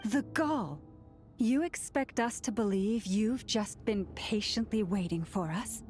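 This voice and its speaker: A woman's voice: medium pitch, a little slow, darkish tone, faint music behind, natural voice. Woman playing an indignant game adventurer. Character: indignant, suspicious female adventurer. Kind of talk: video game voice acting.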